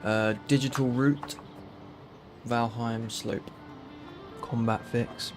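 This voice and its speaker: A man's voice: mid-range voice, steady tone, slow, over music. A man with a London accent, casually reading through a list of game mods with a friend. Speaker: streamer. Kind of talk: casual gaming chat.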